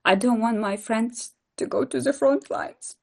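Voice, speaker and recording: An emotional woman from Ukraine with a Ukrainian accent, speaking haltingly and from the heart on a video call from her home. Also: a little high, creaky, a little mellow. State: emotional, close to tears. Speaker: invited speaker. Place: home without electricity, lit by a candle.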